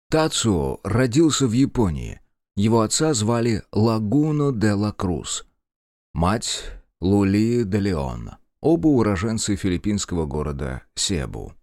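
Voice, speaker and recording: A man narrates an audiobook in a measured, even reading voice. His voice sits low and the recording is dry and close. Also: dry recording. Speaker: audiobook reader. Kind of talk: scripted narration.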